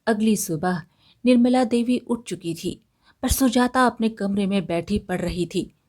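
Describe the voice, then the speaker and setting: Slow, measured woman storyteller. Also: medium pitch, darkish tone. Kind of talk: scripted storybook narration.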